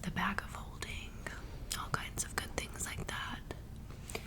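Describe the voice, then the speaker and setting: In a close-mic whispered ASMR roleplay, a woman plays a friendly teen girl cheerleader in a club, sounding chatty and welcoming. She speaks slowly in a natural voice.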